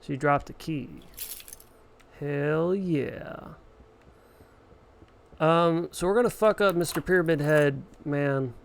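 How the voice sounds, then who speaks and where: A man casually chatting on a live stream while playing a horror game, swearing and yelling at the enemies. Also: a little high, normal speed, hardly any pauses, clear, resonant tone.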